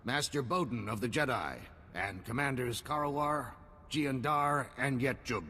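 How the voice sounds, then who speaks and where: An actor voices a grim male field commander in a video game cutscene, issuing clipped, commanding orders. His delivery is unhurried, pushed and bright. The recording carries long reverb and a faint rumble.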